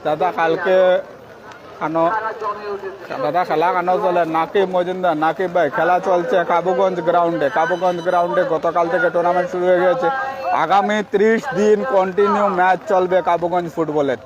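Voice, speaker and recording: A man with a high-pitched voice and a Sylheti accent gives live football commentary from outdoors. He switches between casual chat with viewers and excited, drawn-out calls of the play. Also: dull audio, a crowd in the background. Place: outdoors by a roadside at a football ground.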